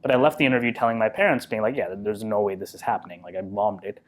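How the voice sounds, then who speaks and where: This is a fairly low-pitched male voice moving very fast. The speaker, a relaxed and modest podcast guest from India in his thirties, muses out loud in a casual interview, leaning on fillers and poking fun at himself thoughtfully.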